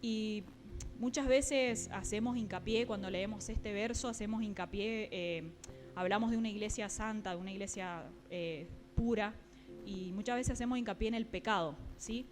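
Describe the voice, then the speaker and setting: A woman preaching a sermon, often pausing with fillers and checking in with her listeners. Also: mid-range voice, over music. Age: adult, mother.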